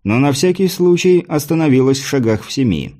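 A man narrating a fantasy audiobook in a measured, even storytelling manner. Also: medium pitch.

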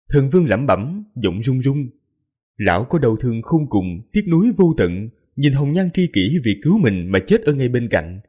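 Male audiobook narrator, dramatic and mournful, husky voice with a lively pitch. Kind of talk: scripted narration.

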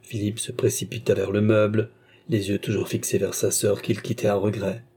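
A man narrating a classic novel as an audiobook in a measured storytelling manner. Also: fairly low pitch, level tone, mellow, husky.

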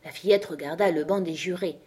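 A woman reading a classic storybook aloud in a calm, measured way. Her voice sits on the lower side for a woman, even and unhurried. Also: husky. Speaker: audiobook narrator. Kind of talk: storybook narration.

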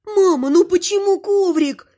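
A woman playing a scattered grown daughter, exclaiming and pleading with her mother. Her voice rises a touch above the narrator's high register. It is read as part of a fantasy audiobook. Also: moderate pace, warm tone. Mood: emotional. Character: grown daughter, emotional, scattered dark ruler.

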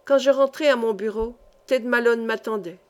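Higher-voiced woman narrating an audiobook. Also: moderate pace.

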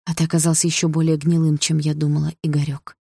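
An audiobook reader voicing a betrayed young woman who speaks quietly and coldly. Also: mid-range voice, flat delivery, fast talker, vocal fry, slightly rough, no echo, studio quality. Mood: contemptuous. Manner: quiet, icy. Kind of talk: audiobook dialogue.

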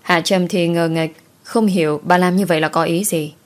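A woman narrating a scripted story in a steady, expressive way. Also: fairly low pitch, moderate pace.

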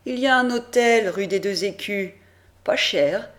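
A brusque middle-aged baggage clerk, voiced by a woman reading an audiobook, who rattles off his lines quickly and offhandedly. He is gruff but ends up obliging. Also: mid-range voice, close to an everyday voice. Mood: gruffly helpful.

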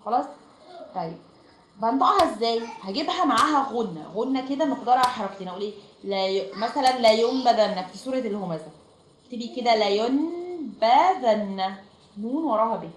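Her pitch is fairly high and her delivery animated and quick as she teaches recitation over online voice chat in an Egyptian Arabic accent. She breaks things down step by step and keeps checking that her students are with her. The clip, made in a room at home, is echoey with faint noise.

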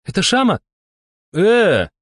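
A man voicing an excitable, crude-tongued young woman shaman who shouts and swears. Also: sits high, slow pace, husky, dry recording, studio quality, voice pushed up, full character voice. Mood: excited shouting.

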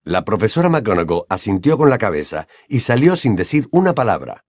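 A male audiobook narrator with a fairly deep voice and a wide, lively melody. He reads a fantasy novel expressively, recorded close and dry with no room sound. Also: a little fast, no room sound. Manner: expressive reading voice. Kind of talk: scripted narration.

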